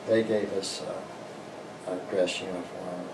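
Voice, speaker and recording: Deep-voiced older American veteran remembering, halting. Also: male voice, flat delivery, gravelly. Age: older, 60s or above. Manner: old veteran remembering, halting and plain-spoken. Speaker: interviewee, war veteran. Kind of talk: personal reminiscence in an interview. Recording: roomy, distant mic, noisy background.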